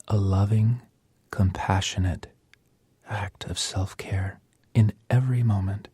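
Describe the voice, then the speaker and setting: A very husky, breathy man guides a meditation in a soft, half-whispered voice. His tone is mellow and fairly low, set out in short, gentle phrases with pauses. The sound is close and dry. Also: fairly even intonation, no echo.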